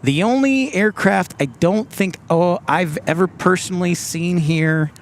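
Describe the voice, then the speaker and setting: Man, slightly high voice, relaxed live-stream host, faint outdoor noise. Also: unhurried. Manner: relaxed, reads viewer comments aloud. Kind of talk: casual live-stream chat. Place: outdoors by an airport.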